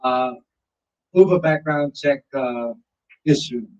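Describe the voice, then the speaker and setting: A man with a mid-pitched voice answers in a casual chat. He is halting and hesitant. The sound is dull and lo-fi.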